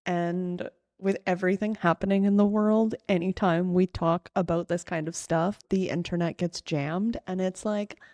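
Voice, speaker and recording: A woman's voice: lowish voice, steady tone, normal speed, hardly any pauses, mellow, no echo. A woman co-hosting a casual podcast over a remote call, talking in a trailing way and searching for words. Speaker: podcast co-host. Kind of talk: casual chat. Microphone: remote call recording.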